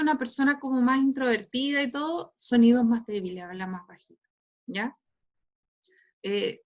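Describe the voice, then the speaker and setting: A Chilean woman teacher lectures her online class in a fairly high voice and checks in with a rising tag after nearly every phrase. Her audio comes through dull and lo-fi. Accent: Chilean Spanish. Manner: tags nearly every phrase with a questioning "¿cierto?" or "¿ya?".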